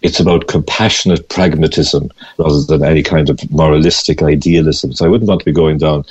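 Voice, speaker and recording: A man's voice: extremely low pitch, fairly even intonation, brisk, a little mellow, slightly rough. A man over sixty-five with a west of Ireland accent, talking conversationally as an interview guest, often hesitating and repeating words as he explains. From Galway, west of Ireland. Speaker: radio interview guest, mindfulness teacher.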